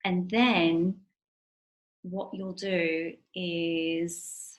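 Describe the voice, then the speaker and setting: A woman with a lowish voice talks viewers through a software screen-share tutorial step by step. She explains in a relaxed, conversational way, often pausing on ums as she goes. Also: low-quality recording.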